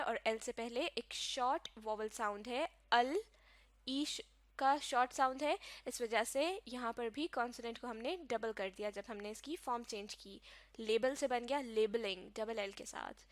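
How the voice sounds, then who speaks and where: A woman's voice: a little high, moderate pace, no room sound. A woman teaching English grammar in a recorded lecture, explaining patiently step by step and spelling words out letter by letter. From Pakistan.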